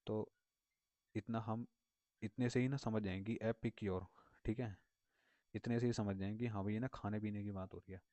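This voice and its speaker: A man's voice: lowish voice, darkish tone, no room sound. A man teaching vocabulary in a casual, rambling way, repeating words and circling back with many fillers. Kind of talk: casual explanatory lesson. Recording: dull lo-fi dry recording.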